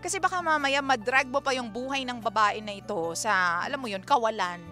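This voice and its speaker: Filipino woman, radio DJ, bright high voice, animated advice chat over faint music. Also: brisk. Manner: chatty, animated, mixing Tagalog and English. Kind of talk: radio advice talk reading listener messages.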